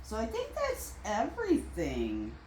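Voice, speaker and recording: A woman's voice: mid-range voice, huge pitch swings, unhurried. A woman chatting casually and enthusiastically in a home haul vlog, bubbly and jokey. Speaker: vlogger. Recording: roomy with light background noise.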